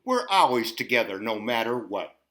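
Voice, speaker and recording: A man voicing a calm mother in a storybook, soothing her scared children. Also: medium pitch, moderate pace, pitched below the performer's own voice. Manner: soothing, reassuring. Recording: roomy echo.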